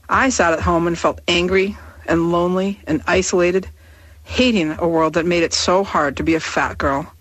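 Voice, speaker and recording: A woman in her thirties reading her own personal essay aloud in a candid, wry, measured way. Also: fairly low pitch, a bit bright, husky, no room sound. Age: 30s.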